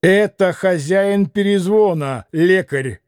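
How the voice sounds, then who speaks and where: A defiant teenage boy who snaps off sharp, cutting remarks, read by a man. The voice sits high but stays mellow, and the recording is close and dry. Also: slow, clean tone, no room sound.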